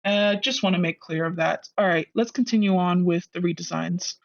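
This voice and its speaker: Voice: medium pitch, moderate pace, vocal fry, lo-fi sound. A narrator of ambiguous sex whose voice runs through a voice changer, giving a chatty, earnest scripted video narration as an artist hosting their own channel. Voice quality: voice run through a voice changer, artificial-sounding. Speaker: host, digital artist. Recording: music behind the voice. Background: background music.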